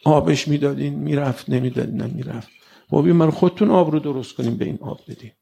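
A man's voice: fairly high pitch, vocal fry, warm tone, slightly rough. A man preaching a religious sermon in a colloquial way, often putting rhetorical questions straight to his listeners. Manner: colloquial and conversational.

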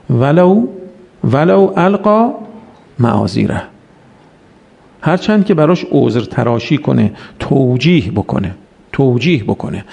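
A man's voice: medium pitch, creaky, mellow. A man preaching a religious sermon, exhorting his listeners with rhetorical questions and reciting Arabic verses in a chanted tone.

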